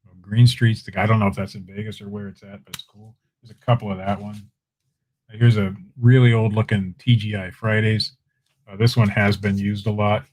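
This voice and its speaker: A man whose voice sits fairly low speaks at normal speed while running a relaxed live-stream auction. Between showing items and calling bids, he chats with the viewers in chat.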